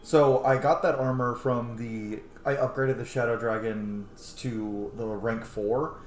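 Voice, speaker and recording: A man in his thirties hosts a channel with casual, chatty, sweary let's play commentary from a small room at home. His medium-pitched voice is slow and steady over soft background music. The room sounds echoey, with faint noise.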